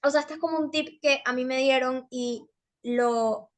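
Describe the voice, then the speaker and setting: Young woman, high-pitched, workshop presenter, explanatory, filler words. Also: fairly even intonation, unhurried. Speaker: workshop speaker.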